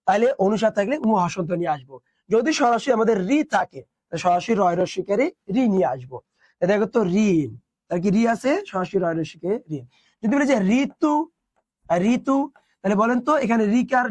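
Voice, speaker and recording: A man's voice: sits high, no room sound. A young man teaching an online class, explaining step by step and asking his students questions.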